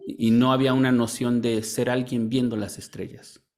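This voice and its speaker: A man's voice: medium pitch, level tone, normal speed, darkish tone. A man who is an artist, speaking reflectively in casual conversation, often ending with a tag question. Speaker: discussion participant, artist.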